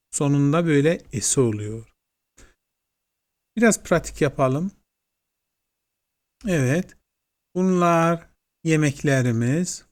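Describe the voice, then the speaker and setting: Turkish-accented man as a patient English tutor, very slow, repetitive drilling delivery. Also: on the high side. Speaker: English teacher. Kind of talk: slow classroom lesson.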